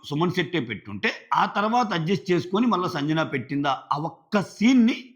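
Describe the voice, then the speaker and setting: A man's voice: fairly high pitch, big pitch swings, a little fast, lo-fi sound. A man giving solo commentary on a reality show, explaining his view emphatically and repeating points for stress. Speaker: show reviewer.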